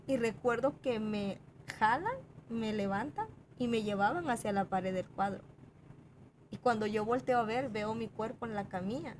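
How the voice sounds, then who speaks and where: A woman earnestly recounting a personal testimony in a halting, heartfelt way, often repeating words as she goes. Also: medium pitch, background noise. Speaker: guest sharing testimony.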